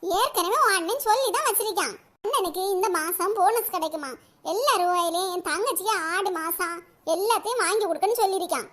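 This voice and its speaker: Cartoon: woman plays sharp-tongued Kanyakumari Tamil village mother, high, bright, scolding. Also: brisk. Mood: coaxing. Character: fierce scolding middle-aged village mother. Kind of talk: cartoon voice acting.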